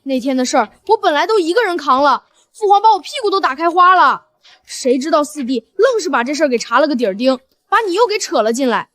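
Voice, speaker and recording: Woman voicing chubby boy prince, clumsy, eager, very high, lively pitch. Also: fast. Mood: pleading. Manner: eager, wheedling.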